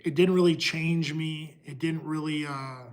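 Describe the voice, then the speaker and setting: A middle-aged man talking casually to his livestream viewers, pausing and restarting often. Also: on the high side, fairly even intonation. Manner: halting, restarts often, talks to chat. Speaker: livestream host.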